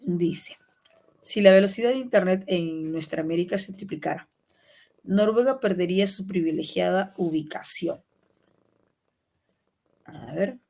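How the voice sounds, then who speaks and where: A woman with a Peruvian Spanish accent teaching an online exam-prep class, quizzing students by name in a lively way. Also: on the low side, unhurried, gravelly, pauses often. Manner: lively, calls students by name, asks and answers questions.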